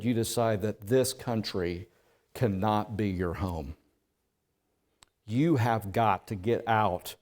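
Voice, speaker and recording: A male pastor preaches a sermon, narrating a story in the second person. His mid-range voice builds from hushed passages up to loud ones.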